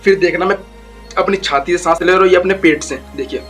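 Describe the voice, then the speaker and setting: A man's voice: high-pitched, fast, fairly bright tone. Young man giving voice tips, light music. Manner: instructive, repetitive, mixes English phrases. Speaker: voice coach YouTuber. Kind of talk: casual tutorial.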